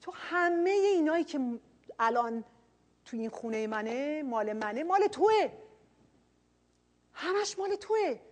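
A woman speaking as a gentle, forgiving father. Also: sits high, sing-song, pauses often, voice pushed up. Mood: pleading.

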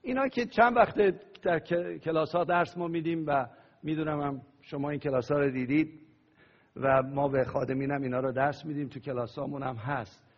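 A pastor preaching a sermon, praying aloud and leading the congregation in call-and-response. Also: male voice, a little high, steady tone. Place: church hall. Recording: dull lo-fi sound with long hall reverb.

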